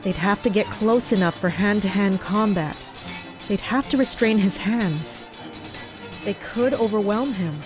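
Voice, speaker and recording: Voicing a commanding fighter in a castle, a woman narrates in first person with tense, watchful energy and light acting. She speaks at medium pitch without hurry, with music playing behind her.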